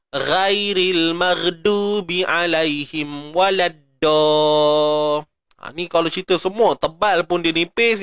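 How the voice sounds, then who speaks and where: A man with a Malaysian Malay accent teaching Quran recitation in an online class, chanting examples slowly and explaining in between. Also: on the high side, a bit bright, dry recording, clean studio sound. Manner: demonstrates pronunciation repeatedly, light laughs.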